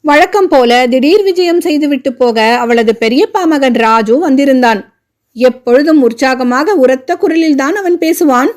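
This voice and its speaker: A woman reads a family novel aloud in steady, measured scripted narration. Her voice sits somewhat high, and she keeps an even storytelling pace. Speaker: audiobook narrator.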